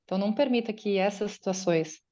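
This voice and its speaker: Speaking as a guest at an online faith meeting, a woman delivers a chatty motivational talk, voicing her listeners' doubts in quotes. Her mid-range voice has a mellow tone, and she speaks quickly. The video-call sound is dull.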